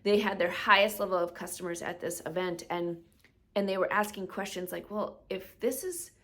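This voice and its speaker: A woman's voice: on the low side, flat delivery, a little fast, a bit bright. A woman hosting a solo business podcast, talking conversationally and checking in with rhetorical questions like "right?", now and then acting out customers' voices in quoted asides. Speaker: podcast host, business coach.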